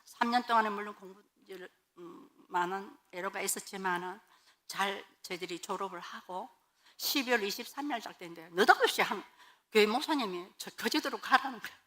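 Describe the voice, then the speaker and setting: A woman, a pastor's wife, tells her church testimony as animated storytelling and acts out the dialogue. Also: mid-range voice, a little fast.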